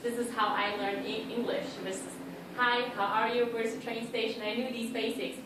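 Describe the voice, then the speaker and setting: A woman from Germany speaks as a panelist in a large hall, giving a personal account of her experience in plain, simple English and explaining it step by step. Her voice is on the high side, flat and fairly quick, with background noise, and the distant mic picks up the hall's echo.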